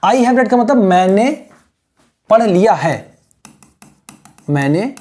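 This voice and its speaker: A man, teaching as an English tutor, dictates phrases slowly and repeats them word by word. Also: high-pitched, darkish tone. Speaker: English tutor for exam aspirants. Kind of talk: online lesson dictation.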